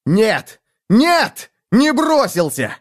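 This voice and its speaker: A man voicing a desperate, cornered young man who shouts in a strained way. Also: high-pitched, sing-song, drawn-out words, voice pushed up, full character voice. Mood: furious.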